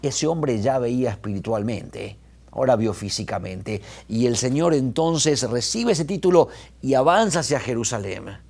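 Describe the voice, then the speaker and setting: Brief: male pastor, lively sermon delivery, swings in pitch and pace. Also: moderate pace, slightly rough. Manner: animated, retells scenes with quoted voices, restarts.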